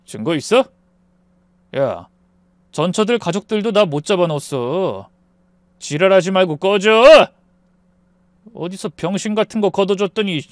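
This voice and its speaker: A man voicing a falsely gentle husband who turns snarling and threatening in a story narration. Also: medium pitch, big pitch swings, moderate pace, dry recording, close to an everyday voice. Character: smooth-talking abusive husband turned threatening.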